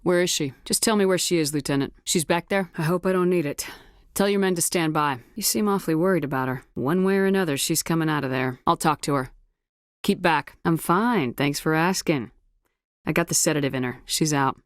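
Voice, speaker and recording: Female military commander for a game, played by an actress: low register, clipped, no-nonsense authority, very dry recording. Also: a little fast, no echo, close to an everyday voice. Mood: serious, controlled. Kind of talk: video game dialogue acting.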